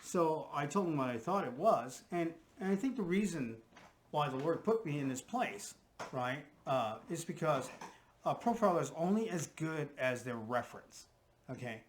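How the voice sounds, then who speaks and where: A man's voice: on the high side, expressive, moderate pace, slight background noise. A man, a profiler, talking through his theory in casual conversation and often checking in with "right?" and "okay?". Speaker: guest profiler.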